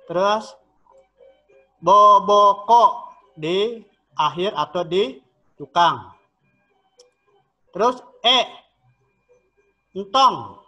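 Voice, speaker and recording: A man teaching a lesson, slowly sounding out words syllable by syllable. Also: high voice, sharp tone. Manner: slow, drawn-out modelling of each syllable. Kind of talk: classroom lesson explanation.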